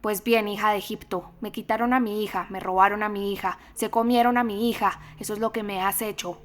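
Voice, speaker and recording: A woman's voice: mid-range voice, fairly even intonation, a little fast, soft background music, close to an everyday voice. A woman voicing a deranged, grieving old female recluse who raves and mocks in a singsong, in a storybook reading. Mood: raving grief. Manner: mocking singsong, raving.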